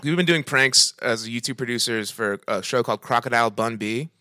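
A man's voice: medium pitch, fairly quick, sharp tone, no room sound, clean studio sound. A man hosting a casual podcast, joking around with friends and making a prank phone call, talking loosely with many restarts. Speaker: prank caller and podcast host.

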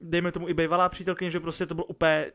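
A man's voice: fairly high pitch, flat delivery, a bit bright. A man in his twenties chatting casually, slangy, swearing and laughing often. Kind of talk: casual chat.

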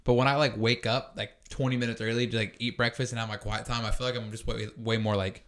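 A young man as a guest, chatting in a relaxed, laid-back way with lots of "like". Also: medium pitch, fast talker. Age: young adult. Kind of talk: casual chat.

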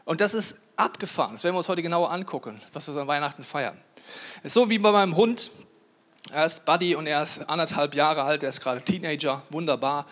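A man's voice: fairly high pitch, fast. A man preaching a sermon, playfully telling stories and speaking directly to his listeners. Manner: playful, animated storytelling that addresses listeners directly.

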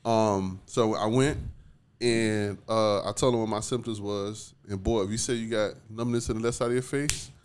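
A man's voice: fairly low pitch, fairly even intonation, normal speed, few pauses, slight background noise. A man co-hosting a podcast, telling stories in a loose, casual way and laughing often. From South Florida. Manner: laid-back storyteller, laughs often. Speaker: podcast co-host. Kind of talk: casual chat.

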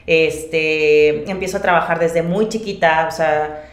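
An independent singer and artist with a northern Mexican accent from Monterrey appears as a podcast guest, telling her own story in a casual, chatty interview and often breaking off to quote her own thoughts. Her voice is low, her intonation fairly even, and her pace measured. The recording has a roomy, echoey sound.

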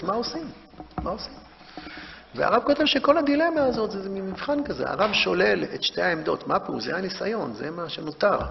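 A man giving an impassioned Torah lecture, rising to loud emphasis and halting to restart his words. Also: on the high side, gravelly, a little hiss or hum. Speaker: rabbi teaching a memorial class. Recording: dull recording in a reverberant hall.

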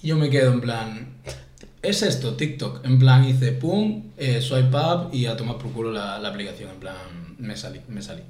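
A young man from Spain co-hosting a podcast, telling animated stories in casual slang. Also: medium pitch, moderate pace, hardly any pauses. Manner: animated storyteller, says "en plan" constantly. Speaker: podcast co-host. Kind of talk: casual chat. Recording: roomy echo.

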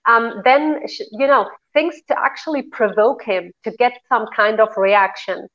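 A woman in a casual discussion, talking in an animated way and acting out the voices she quotes with sudden jumps in pitch. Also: measured pace. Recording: dull lo-fi sound.

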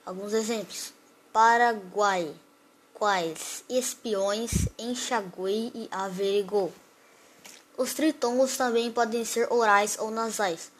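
A woman's voice: on the high side, slight background noise. Woman reading a grammar lesson. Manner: reads definitions and word lists slowly, one example at a time. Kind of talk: read-aloud grammar lesson.

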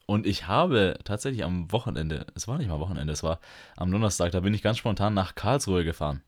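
A man's voice: low-pitched, lively intonation, fairly quick. A man co-hosting a casual podcast chat, joking around, laughing often and using slang. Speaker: podcast co-host.

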